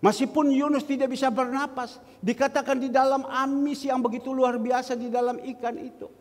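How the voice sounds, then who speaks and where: A man preaching a sermon as pastor, speaking straight to his congregation and reading scripture verses slowly. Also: extremely high pitch, little pitch movement. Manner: addresses the congregation directly, quotes scripture slowly. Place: church hall. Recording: long church hall reverb.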